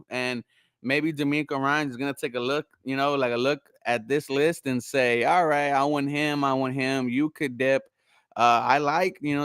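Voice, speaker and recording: A man's voice: mid-range voice, a bit bright, clear, resonant tone, no room sound. A young man from Houston hosting a casual sports talk show, rambling with lots of fillers and answering chat. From Houston, Texas. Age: young adult. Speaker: host.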